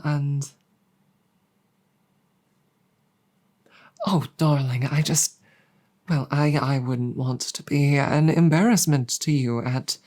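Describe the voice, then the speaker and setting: A woman plays a dragon girlfriend in a roleplay audio drama, sounding embarrassed and affectionate as she speaks formally and apologetically, stammering and halting often. Her voice is low-pitched and a little mellow, with a flustered, tender mood.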